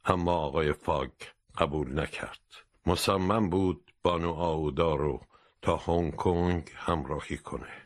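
A man narrating an abridged classic novel as an audiobook, in a steady, even storytelling voice. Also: rumbling low, no room sound, clean studio sound.

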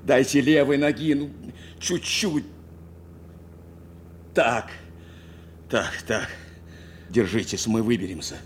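Voicing a loyal navigator on a bomber in a radio war drama, a male actor urges and shields his commander with earnest insistence, repeating short phrases, and also narrates in first person. His mid-range voice is expressive and slow with frequent pauses, the tone urgent but reassuring, with slight background noise.

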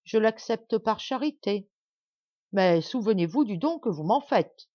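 A woman's voice: medium pitch, expressive, unhurried, warm tone, no room sound, dull audio, pitched above the performer's own voice. A woman voicing a disdainful little male dwarf, a brash, mocking scoundrel in a storybook reading.

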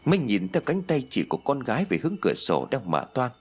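A man narrating a ghost story audiobook in an expressive storytelling manner. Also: mid-range voice, fairly quick, breathy edge, faint music behind.

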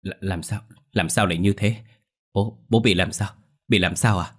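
A man's voice: low voice, normal speed. A man voicing a worried village wife who stammers anxiously.

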